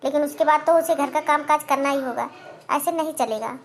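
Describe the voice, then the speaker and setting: A woman's voice: high-pitched, brisk. A woman voicing a stern mother-in-law in a cartoon, speaking firmly and commandingly. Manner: firm, commanding. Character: stern, bossy mother-in-law, head of the house. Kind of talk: cartoon voice acting.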